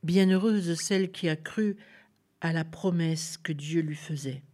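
A woman's voice: sits low, unhurried, warm tone. A woman voicing a joyful, devout older woman who declares her words with solemn fervor, in a storybook reading. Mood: fervent.

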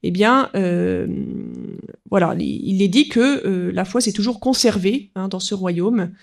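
Woman lecturer, unscripted talk, halting delivery with frequent filler words between points. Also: mid-range voice, creaky, darkish tone. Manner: hesitant, peppered with "voilà" and "hein", reads quotes aloud.

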